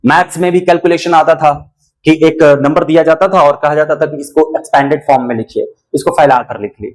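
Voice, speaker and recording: High-voiced teacher explaining word pairs. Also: male voice, steady tone, a little fast. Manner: explains patiently, repeats words many times, asks the viewer questions; switches between English and Hindi. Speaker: English teacher. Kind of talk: spoken English lesson.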